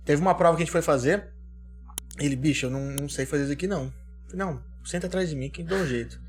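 A young man chatting casually, telling animated stories and swearing freely. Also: on the high side, rapid-fire, soft background music. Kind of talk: casual chat.

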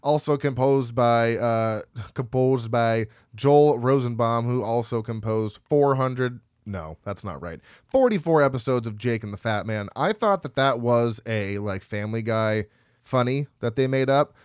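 A man's voice: medium pitch, measured pace, darkish tone, clear, resonant tone, no echo, studio quality. Man casually reading film credits. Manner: rambling, laughs at himself, stumbles over names. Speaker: podcast co-host.

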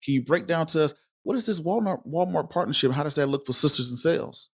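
A man's voice: a little high, lively intonation, fast, breathy edge. A man hosting a casual live interview, talking in an informal, wordy and rambling way. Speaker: interviewer and host.

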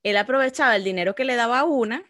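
A woman co-hosting a podcast in casual chat, explaining in halting restarts. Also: a little high, fairly bright tone, dry recording, clean studio sound. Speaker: podcast co-host.

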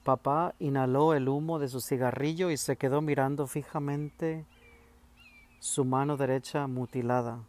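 A man reading a first-person story aloud in a measured, steady way. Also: medium pitch. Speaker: audiobook narrator.

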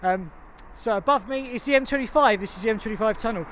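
A high-voiced man hosts his podcast while walking, talking in a chatty, rambling way and correcting himself as he goes. His voice rings with a big, hollow echo as he passes under a motorway tunnel, recorded on a phone with faint traffic noise behind him. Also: quick pace. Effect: echoing reverb from walking under a motorway tunnel. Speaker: podcast host. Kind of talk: casual walking monologue. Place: outdoors in a road tunnel, traffic passing. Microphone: phone recorder carried while walking.

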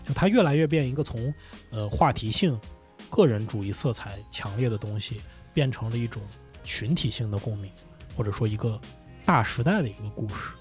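A man's voice: medium pitch, a little fast, faint music behind. A man guest on a podcast talking casually and animatedly about running a comedy company. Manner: animated, laughs and swears when excited. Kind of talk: casual conversational interview. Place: indoor studio.

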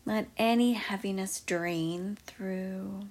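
A woman guiding a meditation in a soft, slow, mostly whispered voice. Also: medium pitch. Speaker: meditation guide. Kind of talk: guided meditation.

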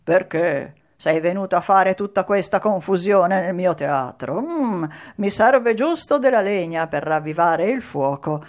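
A woman voicing a huge, gruff puppet master in a storybook reading, bellowing slowly and loudly. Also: fairly low pitch, lively intonation. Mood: angry. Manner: bellowing, slow and loud, sneezing.

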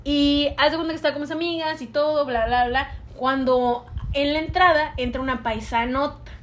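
A woman's voice: high voice, steady tone, normal speed, a little hiss or hum. A young adult woman with a Mexican accent, co-hosting a casual podcast chat and telling stories in slangy, laughing banter. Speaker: podcast co-host.

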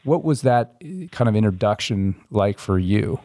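A man hosting a podcast interview, asking friendly, measured questions. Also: lowish voice, mellow, no echo, studio quality. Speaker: podcast host.

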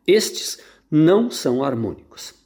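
A man's voice: fairly high pitch, sing-song, unhurried, darkish tone. A man with a Brazilian Portuguese accent, a conductor answering listeners' questions on the radio in a patient, didactic way, now and then singing short melody examples.

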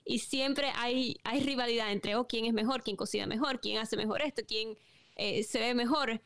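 A woman talks through a faith topic in a reflective, unhurried way, stopping and restarting her thoughts. Her voice sits a little high and comes across smooth and clear, recorded dry and close. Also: fairly even intonation, a bit bright, no room sound. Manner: reflective, with frequent restarts and pauses. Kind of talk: casual faith discussion.

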